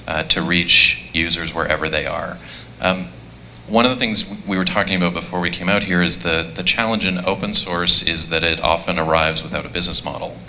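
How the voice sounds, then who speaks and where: A man's voice: deep voice, bright, forceful tone, a little hiss or hum. A man moderating a conference panel, asking the audience and the speaker questions in a conversational way.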